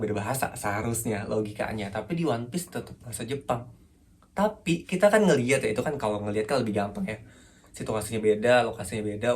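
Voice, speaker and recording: Chatty young man teaching writing. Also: medium pitch. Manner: chatty, self-correcting, laughs often, asks viewers questions. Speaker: writing tips host. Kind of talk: casual spoken lesson.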